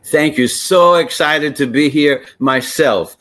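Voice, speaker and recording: An older Greek man who serves as a wrestling commissioner speaks slowly in a fairly high, somewhat bright voice. He's an eager guest on a sports talk show, and in this casual radio interview his stories keep restarting.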